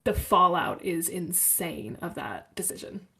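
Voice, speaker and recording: A woman's voice: lowish voice, sing-song, measured pace, vocal fry, sharp tone. A woman co-hosting a podcast in casual chat, blunt and emphatic. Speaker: podcast co-host.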